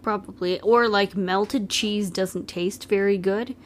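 A young woman co-hosting a podcast with her husband, chatting casually, full of "like" and quick laughs. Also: medium pitch, fairly even intonation, slight background noise. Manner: chatty, giggly, lots of "like". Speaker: podcast co-host. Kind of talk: casual chat.

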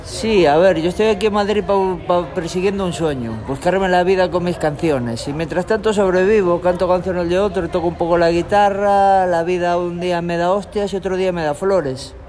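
Man, young adult, from Galicia, street musician, casual rambling talk, slightly high voice, faint city noise. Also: moderate pace, few pauses, a little mellow. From Galicia, Spain. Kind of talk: street interview. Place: tunnel in a city park, outdoors.

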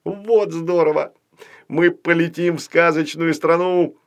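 A man voicing an excitable, boastful little boy doll in a children's audiobook, loud and eager. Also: mid-range voice, normal speed, dull audio, lightly acted. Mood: excited.

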